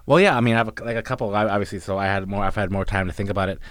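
A man's voice: fairly low pitch, steady tone, rapid-fire, fairly bright tone, dry recording. A man in his forties, a podcast co-host, chatting casually with lots of fillers, restarts and swearing. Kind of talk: casual chat.

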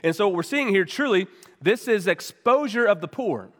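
A man's voice: high voice, expressive, normal speed, a bit bright, big-room sound. A man preaching a sermon as pastor, his voice weak and worn, earnest and conversational with frequent restarts. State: weak, worn voice after weeks of voice loss. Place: church sanctuary.

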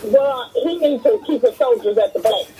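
A woman's voice: on the high side, moderate pace, warm tone, a little hiss or hum. A woman calling in to a radio show over a clipped phone line from her car, joking boldly and talking plainly. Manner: bold, joking, plain-spoken. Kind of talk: casual call-in banter.

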